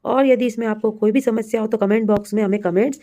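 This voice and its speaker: A woman's voice: a little high, steady tone, warm tone. Patient woman teacher explaining assessment. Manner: patient, addresses listeners as colleagues, reads words slowly for dictation. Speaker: primary school teacher. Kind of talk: explanatory lesson to fellow teachers.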